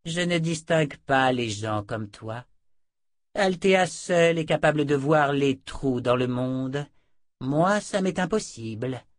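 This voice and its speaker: A woman's voice: a bass voice, animated, slow pace, no room sound, pitched above the performer's own voice, full character voice. Man playing a cold, scornful sorceress. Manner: curt, scornful. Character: cold, scornful sorceress woman, curt and hostile. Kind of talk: audiobook character reading.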